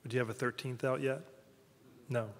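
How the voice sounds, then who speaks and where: A man with a Southern American accent giving a formal introduction at a campus lecture, halting often with fillers and restarts. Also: mid-range voice, flat delivery, a little hiss or hum. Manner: hesitant, many fillers and restarts. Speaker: host introducing a speaker. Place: university lecture room. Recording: reverberant lecture hall.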